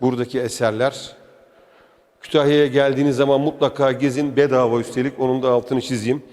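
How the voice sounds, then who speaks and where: Touring a museum for his travel vlog, a man chats enthusiastically and speaks straight to the viewer in casual walking commentary. He talks fairly quickly in a medium-pitched, darkish voice with little pitch movement, and the indoor hall echoes around him.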